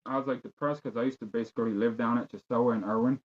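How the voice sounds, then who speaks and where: A man's voice: mid-range voice, fairly even intonation, fast. A man chatting casually in an informal, rambling way, on a dull lo-fi recording. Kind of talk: casual chat. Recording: dull, lo-fi voice pickup.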